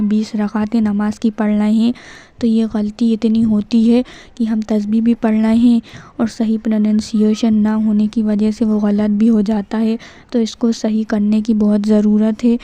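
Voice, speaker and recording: Woman, religious lesson, monotone delivery, dry close sound. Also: fairly high pitch, no room sound. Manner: slow, deliberate drawn-out demonstrations of recited words. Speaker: religious teacher. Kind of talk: instructional talk on prayer pronunciation.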